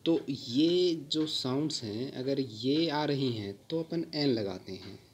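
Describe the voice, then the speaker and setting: A man teaching English grammar in a patient lesson, repeating words slowly and pausing on fillers. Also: medium pitch, animated, a little mellow, slight background noise. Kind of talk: slow explanatory lesson.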